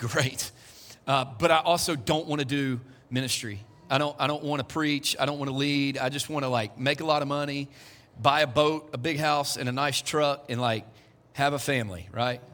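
The voice is a man's, medium in pitch, brisk and fairly bright. He's a pastor in his forties preaching to his flock in a church hall, chatting more than lecturing and adding jokes here and there, with the room's echo audible.

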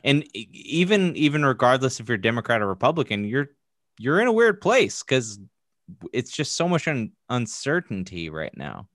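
A man co-hosts a casual podcast, hesitating and restarting before making his point with force. His pitch rises and falls in a lively, animated way. The recording is dry and close. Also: moderate pace, no room sound. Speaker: podcast co-host. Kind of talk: casual political chat.

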